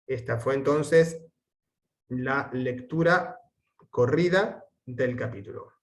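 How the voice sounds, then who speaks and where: A man teaching an online Latin class, reading the text aloud and spelling out syllables and sounds slowly and carefully. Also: medium pitch. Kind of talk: recorded online lesson.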